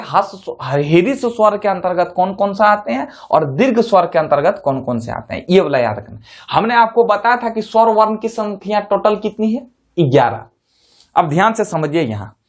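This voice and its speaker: Male teacher, repetitive, checks in often, stretches sounds to demonstrate. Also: high voice. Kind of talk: online class lesson.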